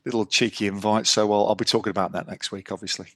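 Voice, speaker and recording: A man's voice: lowish voice, fairly even intonation, quick pace, a bit bright, no room sound. Chatty matey man, dry sound. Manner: chatty, matey banter with frequent "mate" and "cheeky". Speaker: podcast co-host. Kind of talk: casual chat. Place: lives in Ibiza.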